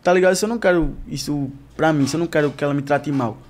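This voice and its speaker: Quick slangy man. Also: on the high side, slight background noise. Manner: slangy, emphatic, repeats words. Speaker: guest. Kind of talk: casual chat.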